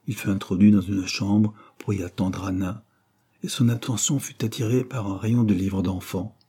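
Low, husky male audiobook narrator. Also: steady tone, moderate pace, warm tone. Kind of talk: scripted narration of a classic novel.

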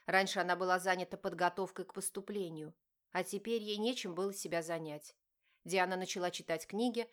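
A woman reading a romance novel aloud in steady, expressive scripted narration. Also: lowish voice. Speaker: audiobook narrator.

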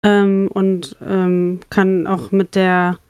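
A woman's voice: mid-range voice, completely flat delivery, very slow, a little mellow, clear, resonant tone, dry recording. A woman playing a tabletop role-playing game, describing her character's actions in the third person. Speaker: player.

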